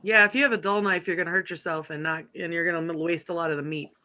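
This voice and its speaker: A man co-hosting a casual live show from home over a video call, playful and quick to laugh. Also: fairly high pitch, steady tone, sharp tone, lo-fi sound. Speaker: co-host of a live online talk show. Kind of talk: casual joking chat. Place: at home, family in kitchen nearby.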